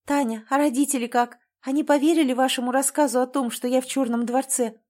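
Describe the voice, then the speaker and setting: A woman voicing an emotional young sister, pitched high. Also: fairly even intonation, fairly quick, a little mellow. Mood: earnest. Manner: emotional, exclaiming. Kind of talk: audiobook character voice.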